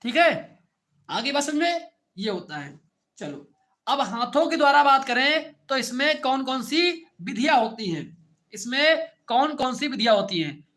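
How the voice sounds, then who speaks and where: Man, teacher, bright tense voice, online lecture, repetitive quizzing, casual. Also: extremely high pitch, animated, measured pace. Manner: repetitive call-and-response questioning; informal, addresses students directly. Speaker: agriculture teacher.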